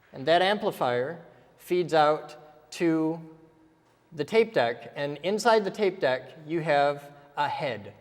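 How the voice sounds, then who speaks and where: A man with a fairly high voice explains something technical while drawing, teaching step by step in a casual way. He keeps checking in with "okay?" as he goes, and the sound has a big-room feel.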